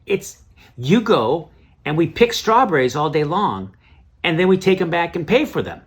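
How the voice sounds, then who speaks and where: A man voicing his bubbly, overeager wife in a comedy bit, high and excited. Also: normal speed. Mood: gushing.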